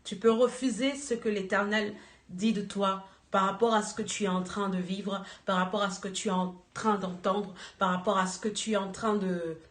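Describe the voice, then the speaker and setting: A woman giving an earnest church exhortation, slow and searching for words. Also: mid-range voice, fairly even intonation. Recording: echoey room.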